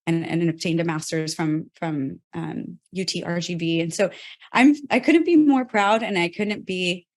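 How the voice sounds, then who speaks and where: A woman from South Texas, a company co-founder, telling her personal story in an interview, earnest and pausing as she restarts on hard memories. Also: fairly low pitch. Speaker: healthtech company co-founder, guest.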